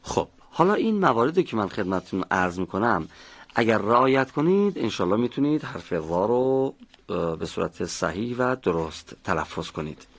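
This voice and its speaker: A man's voice: lowish voice, sing-song. A man teaching the pronunciation of Arabic letters in a recorded lesson, methodically explaining mouth positions step by step and calling on students. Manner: models sounds slowly and calls on students.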